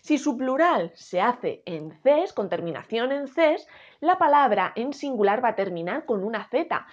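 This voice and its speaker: A woman teaching a spelling lesson with a Spain Spanish accent, speaking slowly and emphatically and asking the listener rhetorical questions. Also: on the high side, very animated. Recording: dull lo-fi sound.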